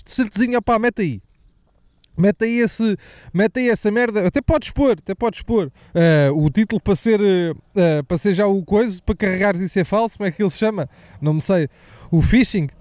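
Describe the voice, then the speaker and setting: A man's voice: high voice, darkish tone, clear, resonant tone, dry recording, clean studio sound. A young man with a European Portuguese accent hosting a podcast, talking in a casual, profane, joking ramble that wanders off topic. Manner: profane, jokey, digressive. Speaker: podcast host. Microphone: mic slipping away from the mouth at times.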